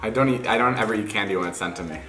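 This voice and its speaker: Fast-talking, gushing young man. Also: fairly low pitch, soft background music. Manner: excitable, gushing. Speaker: guest. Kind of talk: casual snack-tasting chat. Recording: echoey room.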